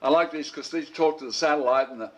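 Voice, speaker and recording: A middle-aged man with a higher-than-average male voice talks quickly while teaching an informal Bible school lesson. His conversational rambling includes repeated words as he restarts sentences, with the occasional throat-clearing between thoughts.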